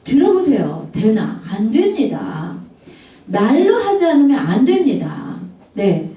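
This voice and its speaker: A woman giving a lively public English lecture, asking the audience questions and acting out dialect jokes. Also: a little high, slow pace. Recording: echoey room, distant mic, faint room noise.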